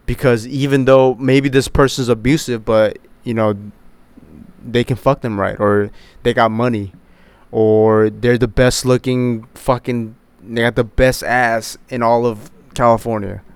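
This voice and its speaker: Young man chatting, smooth dry voice. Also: medium pitch, flat delivery, a little slow, no room sound. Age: 20s. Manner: rambling, profane, many fillers. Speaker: podcast host. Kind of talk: casual solo chat.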